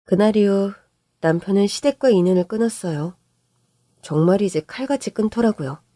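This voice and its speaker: A woman's voice: medium pitch, moderate pace, mellow, dry recording. Woman narrating a story, dry close sound.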